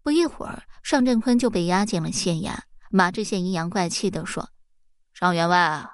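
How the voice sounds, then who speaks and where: A woman's voice: mid-range voice, expressive, brisk, dry recording, clean studio sound. A woman narrating a folk tale, acting out the characters' lines with small shifts in her voice. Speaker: storyteller.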